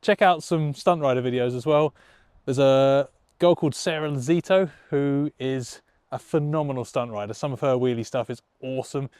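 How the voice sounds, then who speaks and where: A man's voice: mid-range voice, moderate pace, darkish tone, clean tone, no room sound. A man presenting a motorcycle tutorial, explaining in an enthusiastic, encouraging and conversational way. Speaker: motorcycle riding instructor and show presenter.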